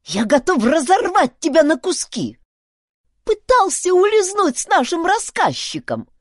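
A squeaky, creaking old chief who shrieks threats in a high, loud voice, put on by a woman reading the story. The delivery lurches wildly in pitch, and the recording is dry and close. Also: wildly swooping pitch, measured pace, no room sound, heavily acted. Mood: furious. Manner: shouting threats.

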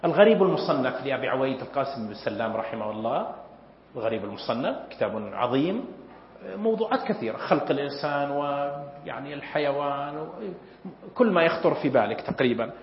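A man giving an academic lecture at a measured pace, pausing often with fillers and clearing his throat. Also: mid-range voice, animated. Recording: echoey hall, dull lo-fi sound.

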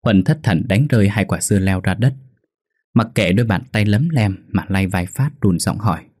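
A man narrating a sad story in a somber, measured manner. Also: fairly low pitch, darkish tone, breathy edge, no room sound, clean studio sound.

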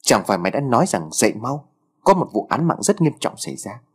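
A man's voice: medium pitch, big pitch swings, fast, husky. Quang Sổm, a man doing a lazy teasing boy. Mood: grumbling, teasing. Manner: grumbling and teasing. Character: sluggish sleepy teenage boy, teasing.

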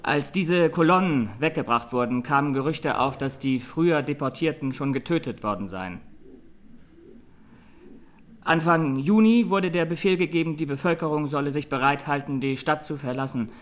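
A man with a voice on the high side portrays a haunted young Armenian defendant testifying in a courtroom radio drama. Speaking naturally, he gives grave, deliberate testimony in a sombre, recounting mood.

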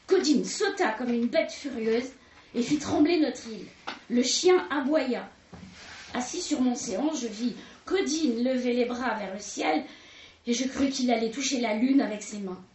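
A woman giving a slow, expressive dramatic reading of a literary text at a public talk. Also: fairly high pitch, a little hiss or hum. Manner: slow, expressive, raises voice for quoted cries. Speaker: reader of literary excerpts. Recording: roomy, distant mic.

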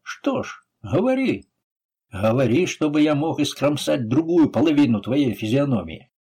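A man reading an audiobook voices a bold, fierce captain who talks forcefully and threateningly. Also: a little high, very animated, normal speed, breathy edge, full character voice.

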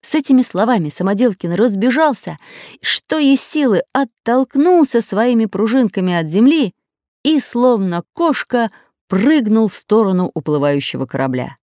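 A woman narrating a children's fairy tale audiobook with expressive storytelling. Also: on the high side, normal speed, no room sound, studio quality.

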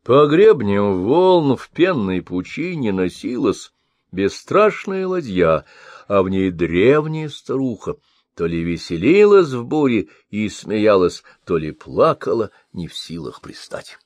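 A man narrating an old folk-style tale in a measured, expressive storytelling cadence. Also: lowish voice, no echo.

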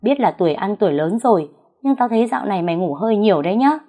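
A woman voicing a shrill, bossy young wife who scolds a servant girl in a storybook tale. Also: expressive, fast, warm tone, close to an everyday voice. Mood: nagging.

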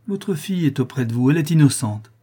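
A man voicing a solemn, reassuring gentleman in an audiobook. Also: on the high side, animated, quick pace, breathy edge, voice pushed up. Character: solemn nobleman, steady protector. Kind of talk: audiobook character reading.

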